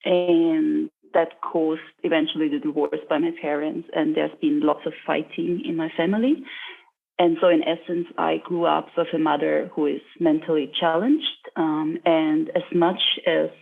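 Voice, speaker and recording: A woman answering interview questions earnestly, pausing often with ums and uhs. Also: deep voice, little pitch movement, gravelly. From Austria. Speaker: guest, social entrepreneur. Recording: tinny phone-like line.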